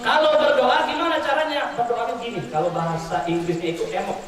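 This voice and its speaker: High-voiced preacher in an echoing hall. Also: male voice, quick pace, very noisy. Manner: lively and joking, quizzes the audience. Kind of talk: public sermon to students. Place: large hall at an Islamic boarding school. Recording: echoey hall from far off.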